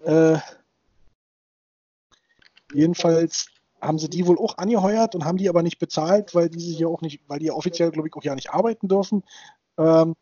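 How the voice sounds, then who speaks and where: Chatting on a casual podcast he co-hosts, a man in his thirties rambles, full of fillers and restarts. His slightly high voice is warm and husky, brisk overall but broken by long pauses. The sound is dry and dull.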